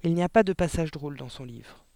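A man voicing a clever, polite little girl pupil in an audiobook, earnest and matter-of-fact, raising his pitch for her. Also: fast talker, dark tone, dry recording, studio quality, lightly acted. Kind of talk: audiobook character voice.

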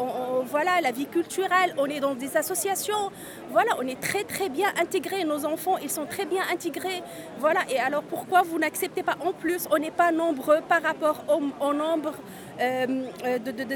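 Speaking at a normal speed, a high-voiced Tunisian woman in her forties, who is an undocumented migrant, gives an earnest street interview outdoors at a march. She repeats words and restarts often, and the crowd can be heard in the background.

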